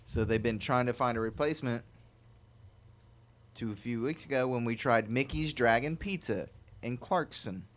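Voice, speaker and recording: A man's voice: mid-range voice, moderate pace. A man co-hosting a live podcast in loose, casual chat, rambling and joking as he reads things aloud. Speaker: podcast co-host. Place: live-streamed podcast at home.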